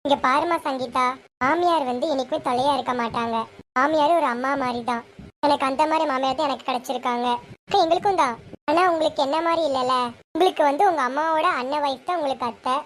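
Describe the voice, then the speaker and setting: A woman's voice: high voice, quick pace, a little hiss or hum, lightly acted. Woman playing a preachy elder sister. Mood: lecturing. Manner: advising, lecturing.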